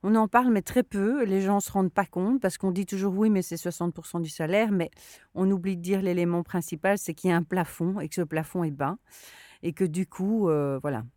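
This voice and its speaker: A woman's voice: fairly low pitch, steady tone, fairly quick, a little mellow, no echo, clean studio sound. A woman interviewing in a conversational way, with hesitant, searching phrasing as she explains and asks questions. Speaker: interviewer and burnout coach.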